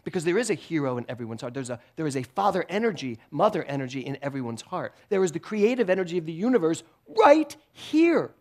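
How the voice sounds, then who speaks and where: Animated, laughing man giving a sermon. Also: a little high, fast talker, few pauses. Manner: animated storytelling with frequent laughter; conversational and self-deprecating. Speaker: guest speaker at a spiritual center.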